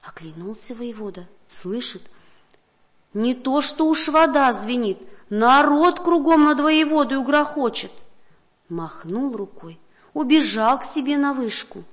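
Woman reading a folk tale, slightly high. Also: expressive, a little slow. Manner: storytelling cadence, occasional slips. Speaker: narrator.

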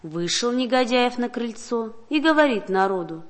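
A woman's voice: a little high, expressive, normal speed. A woman reading a satirical folk tale aloud in a storytelling cadence, with occasional slips. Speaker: narrator.

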